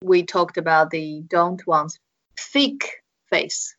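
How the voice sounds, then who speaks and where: A woman co-hosting a podcast, explaining things conversationally and pausing to find her words. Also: lowish voice, animated, a bit bright, no echo. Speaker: podcast co-host explaining Chinese culture. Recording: muffled, dull podcast audio.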